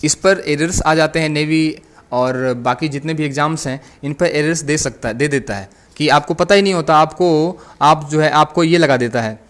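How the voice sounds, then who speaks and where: A man's voice: on the high side, normal speed, fairly bright tone. A man giving an English grammar lecture in Hindi, repeating each point and answering his own questions. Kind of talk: recorded online lecture.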